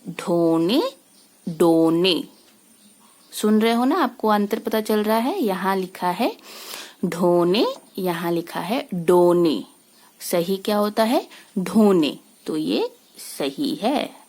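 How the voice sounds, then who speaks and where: A woman teacher, slowly talking young children through a school exercise and asking them easy questions along the way. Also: mid-range voice, expressive, darkish tone. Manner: slow, patient explaining with many rhetorical questions. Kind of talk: recorded lesson for young children.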